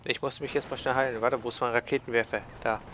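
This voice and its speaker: A man's voice: mid-range voice, steady tone, fast, sharp tone. A man in casual banter over a shared game, teasing his partner and commenting on his own moves. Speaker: let's play co-player.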